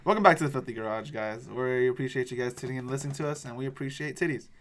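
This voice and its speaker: A man's voice: mid-range voice, very fast, fairly bright tone. A young man co-hosting a podcast in a loose, joking, crude banter style. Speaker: podcast co-host. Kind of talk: casual chat.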